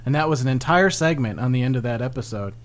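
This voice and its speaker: A man's voice: mid-range voice, animated, quick pace. A man co-hosting a podcast, chatting casually with frequent laughs and tangled sentences. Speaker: podcast co-host.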